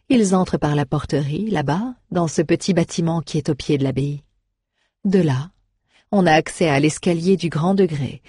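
A woman narrating a fantasy novel in a calm audiobook reading, close to the mic. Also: low voice, husky, dry recording.

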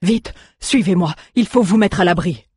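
A storyteller voicing an anxious, excitable adult townsman who exclaims in alarm. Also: mid-range voice, normal speed, breathy edge, no echo, studio quality. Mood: agitated. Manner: agitated, exclaiming.

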